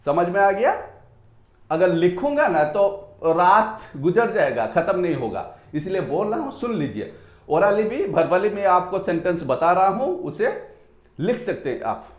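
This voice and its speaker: A man with an Indian accent teaching an English grammar lesson at a whiteboard, saying words slowly and repeating them, switching between Hindi and English. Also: sits high, big pitch swings. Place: room with a whiteboard. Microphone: phone on a tripod. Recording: echoey room.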